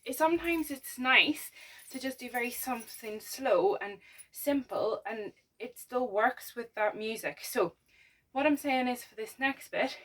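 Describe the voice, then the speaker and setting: A woman with a fairly high voice leads a dance lesson, talking through each step in a chatty, encouraging way. She sounds a little out of breath, and her voice comes from a bit away from the mic. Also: expressive, a little slow, a bit bright, recorded from a distance, poor audio. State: slightly out of breath. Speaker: dance teacher.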